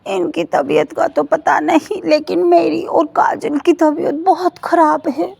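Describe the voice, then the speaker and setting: Woman doing meek, high young daughters-in-law. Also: steady tone, measured pace, creaky, darkish tone, heavily acted. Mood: pleading. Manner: pleading, high-pitched.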